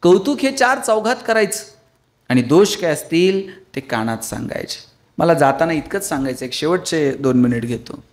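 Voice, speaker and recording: A man's voice: fairly high pitch, lively intonation, normal speed. A man giving a motivational lecture to an audience, telling funny stories and pleading with his listeners. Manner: storytelling with humor, pleading with the audience. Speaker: public speaker.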